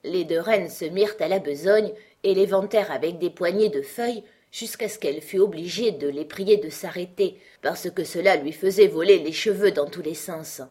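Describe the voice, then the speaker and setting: Husky woman narrating an audiobook. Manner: measured storytelling, dropping low and soft for the tags. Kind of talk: scripted narration.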